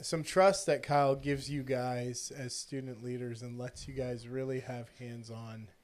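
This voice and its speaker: A man's voice: medium pitch, steady tone, a little slow. A man co-hosting a casual podcast chat, playful and joking with his guests. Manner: joking, playful, laughs often. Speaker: podcast co-host.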